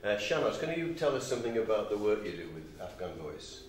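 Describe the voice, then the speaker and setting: Deep-voiced man in echoey room. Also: big pitch swings, fairly quick. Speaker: host, interviewer. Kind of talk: live interview. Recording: very echoey room, distant mic, faint noise.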